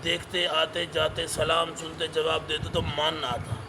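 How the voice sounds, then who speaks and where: A man with a high-pitched voice reciting verses in a measured chant, then breaking each phrase down and quizzing his class as he goes. Traffic and street noise hum clearly behind him. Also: monotone. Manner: recites Arabic verses, then explains them line by line with teacher's questions. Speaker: Quran teacher. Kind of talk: Quran translation lesson. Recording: noisy recording with traffic behind.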